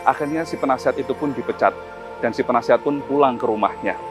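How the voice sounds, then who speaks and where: A man's voice: medium pitch, fast, music in the background. A man telling a moral story in a sermon, in a conversational way with filler tags. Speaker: preacher.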